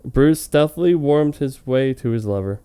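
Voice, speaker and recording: With a mellow, clean, medium-pitched voice, lively intonation, and a moderate pace, a man gives a hammy, mock-dramatic reading of fan fiction for a comedy show. He stays amused throughout, regularly breaking off for casual comments.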